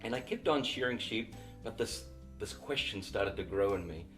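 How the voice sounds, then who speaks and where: In this interview, a middle-aged missionary and author from New Zealand recounts his story in his native accent, unhurried and reflective, restarting now and then. His pitch is fairly low, his tone fairly bright and animated, with faint music underneath.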